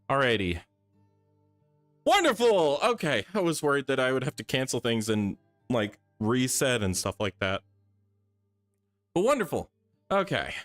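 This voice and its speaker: A man's voice: medium pitch, a bit bright, dry recording. A tired man with his voice a bit off, chatting casually with viewers while he draws on a live stream. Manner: chatty, thinks aloud while drawing. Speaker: art streamer.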